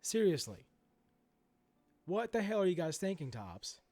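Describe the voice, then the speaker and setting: A middle-aged man with a sore throat and stuffy nose rants indignantly from a room at home as host of a sports card channel. His high, warm voice is very animated but keeps a measured pace.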